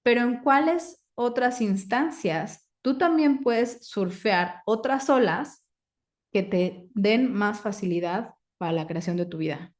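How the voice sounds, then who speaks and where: A woman, coaching a live group, asking the audience questions and reciting clearing phrases. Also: medium pitch, lively intonation, slow pace, darkish tone. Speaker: facilitator.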